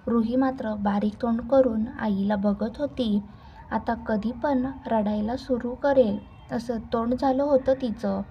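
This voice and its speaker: A woman narrating a serialized romance story in a calm, measured way. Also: fairly high pitch, lo-fi sound, slight background noise.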